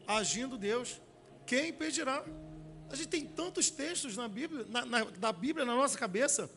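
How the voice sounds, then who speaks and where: A man preaching a sermon as a pastor with a Brazilian Portuguese accent, talking in restarts and rhetorical questions, then slowing and swelling on key phrases. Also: very high-pitched, lively intonation, music in the background.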